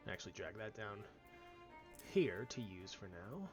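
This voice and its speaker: A man's voice: fairly low pitch, big pitch swings, measured pace. A man giving casual, offhand gameplay commentary as he streams. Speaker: game streamer reading quests aloud. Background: game music.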